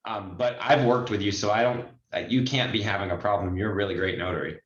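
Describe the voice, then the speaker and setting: A fast-talking host and notary trainer in his forties speaks in a lowish voice with fairly even intonation, slight background noise behind him. On a muffled, roomy group video call, he coaches people in a chatty manner, using plenty of examples.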